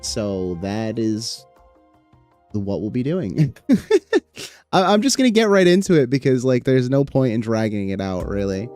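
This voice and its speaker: A man's voice: mid-range voice, sing-song, unhurried, darkish tone. Rambling young man streaming, faint music behind. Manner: rambling, filler-heavy, swears casually. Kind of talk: casual live-stream chat.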